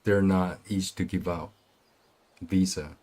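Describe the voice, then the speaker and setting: A man's voice: sits low, fairly even intonation, measured pace, a little mellow. A young man from South Korea with a Korean accent, speaking English as a second language in a hesitant, plainspoken casual chat. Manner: hesitant, restarts words, plainspoken.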